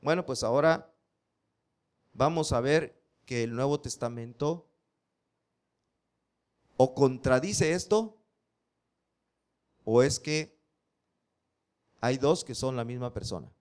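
A male preacher, reading scripture slowly and emphatically and putting rhetorical questions to his congregation. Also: mid-range voice, a little mellow, clean tone.

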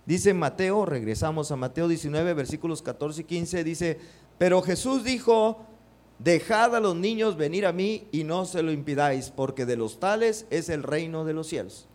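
A middle-aged man preaching a sermon, animated, acting out quotes and asking the congregation rhetorical questions. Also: fairly high pitch, normal speed. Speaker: pastor. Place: church.

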